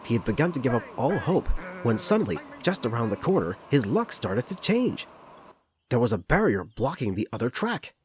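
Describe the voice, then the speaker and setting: A man's voice: medium pitch, sing-song, normal speed, slight background noise. A man narrating a parody of a children's train story in storybook style, with music behind him.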